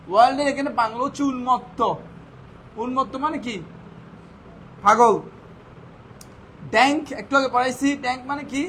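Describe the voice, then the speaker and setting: A man's voice: very high voice, a bit bright, rough recording. A male teacher giving a classroom vocabulary lesson, firing questions at his students and answering them himself. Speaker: English teacher. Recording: faint background noise.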